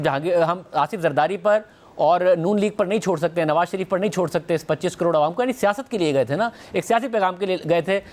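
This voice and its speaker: A man with a high-pitched voice and a Pakistani Urdu accent questions his guest in a studio interview. He is persistent and pointed, coming back at each answer. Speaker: news anchor.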